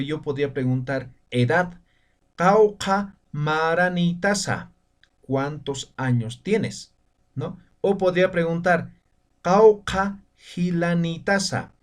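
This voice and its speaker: A man's voice: mid-range voice, far from the mic. A man teaching a language lesson, patient and repetitive, often ending phrases with a questioning tag. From Bolivian altiplano. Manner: patient, repeats words and tags phrases with "¿no?". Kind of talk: slow video lesson.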